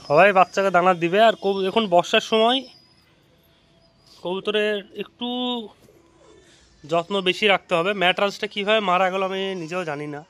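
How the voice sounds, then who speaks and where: A man's voice: high voice, moderate pace, pauses often, fairly bright tone. A man with a Bengali accent casually vlogging on a rooftop, explaining as he feeds his pigeons. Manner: chatty, explaining while feeding birds. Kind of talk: casual vlog to camera. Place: outdoors on a rooftop.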